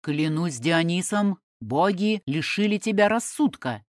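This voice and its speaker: A woman reading an audiobook and voicing a hot-headed young Roman man who demands answers and shouts oaths. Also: sits low, lively intonation, measured pace, no echo, clean studio sound. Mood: furious.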